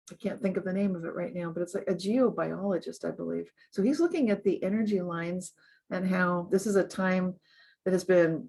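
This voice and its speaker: A woman guest in an interview, talking earnestly and upbeat, often laughing and growing animated as she gives advice. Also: on the low side, vocal fry. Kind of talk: conversational interview.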